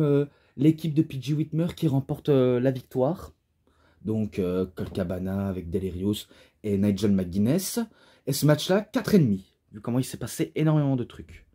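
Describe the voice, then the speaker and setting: A young man gives an easygoing, rambling review of a wrestling DVD, often starting sentences over and filling pauses with filler words. His voice is mid-range, mellow and slightly husky.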